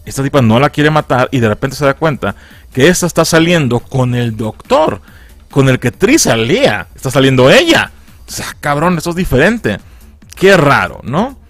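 Mexican man, mid-range voice, dry close sound, faint music behind; slangy, animated film recap. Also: mid-range voice, normal speed, dry recording. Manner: animated and slangy, acting out characters' lines in a raised voice. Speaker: film reviewer.

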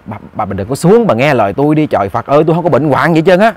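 A man's voice: medium pitch, big pitch swings, very fast, darkish tone, no echo. A man playing a frightened rural husband who stammers and pleads. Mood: pleading.

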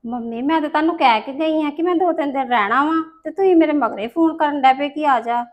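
A woman's voice: sits high, fast talker, muffled recording, natural voice. A woman playing a reluctant, put-upon young daughter-in-law in a family drama. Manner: protesting. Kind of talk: dramatic phone dialogue in a family serial.

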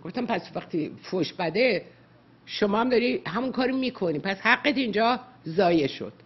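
A woman's voice: mid-range voice, animated, slightly rough, muffled recording. A woman psychologist giving earnest, lecturing advice to callers on a radio call-in show, slipping English words into her talk.

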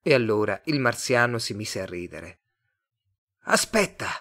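A man from Italy reading a short story aloud as an audiobook narrator, measured and expressive. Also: on the low side, vocal fry. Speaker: audiobook reader. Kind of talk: scripted literary narration.

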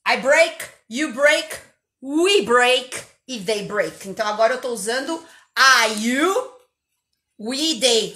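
A woman English teacher with an interior São Paulo accent, giving an energetic live online lesson and drilling words over and over. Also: high voice, reverberant. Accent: interior São Paulo Portuguese.

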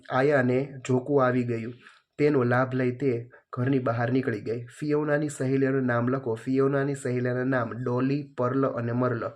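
Man, teacher, reading workbook answers, steady, monotone. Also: mid-range voice. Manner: steady, flat reading with small pauses.

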